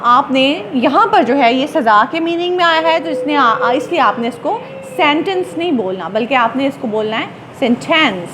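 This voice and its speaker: A woman teacher lecturing a class. She explains English words slowly, with many fillers and restarts. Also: sits high, a bit bright, slight background noise.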